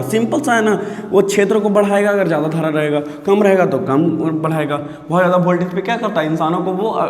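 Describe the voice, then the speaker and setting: Male physics tutor, high voice, echoey room with long reverb. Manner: constantly checks understanding, repeating phrases, addresses viewers as sir. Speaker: physics teacher. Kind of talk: classroom physics lesson.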